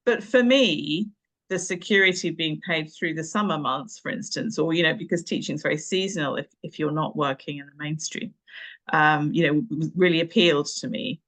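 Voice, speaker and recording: A woman in her fifties from Nairobi, Kenya, who went to boarding school in England, talks as an interview guest about her career as an English teacher and tutor. Her reminiscences are conversational, with hesitant phrasing and emphatic words. She speaks at a normal speed in a low-sitting, slightly bright voice.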